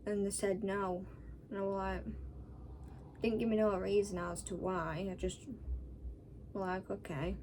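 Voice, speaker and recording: A woman's voice: mid-range voice, flat delivery, a little slow, long pauses, darkish tone. A woman with a Northern English accent chatting casually and bluntly, worn out and scratchy-throated after having a wisdom tooth out. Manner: sweary, blunt. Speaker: vlogger. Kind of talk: casual personal storytelling to camera.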